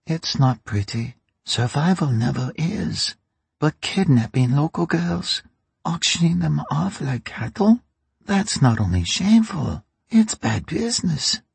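Bargaining with a sly, mocking defiance, the raspy old crime matriarch comes through a male audiobook reader's full character voice, pitched well above his own. The sound is husky, gravelly and dry, mid-range, slow and drawn out but animated. The mic is close, with no echo at all.

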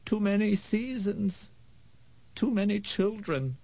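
A male reader voicing a weary, ancient, gentle woman who speaks slowly and tenderly, with a frail, creaky voice. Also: high-pitched, animated, dry recording, voice pushed up, full character voice. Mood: weary, wistful. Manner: slow, tender, calling the boy "my sweet". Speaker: audiobook reader. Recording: dull, dry studio read.

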